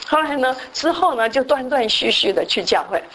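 A woman's voice: high-pitched, animated, a little fast, a bit bright, slight background noise, rough recording. A woman giving a sermon, telling a story and often slipping in English words. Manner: frequent "好" fillers and restarts. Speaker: church speaker.

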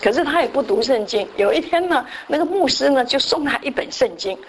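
Woman preaching, slightly high voice. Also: expressive, fairly quick, a little hiss or hum, low-quality recording. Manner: storytelling, mixes in English words; frequent "好" fillers and restarts. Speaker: church speaker. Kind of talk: sermon with a told story.

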